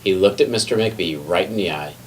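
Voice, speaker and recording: Reading a picture book to children, this man uses a deep voice and goes a little fast. He's expressive but sometimes stumbles and corrects himself. Faint background noise comes through the distant mic.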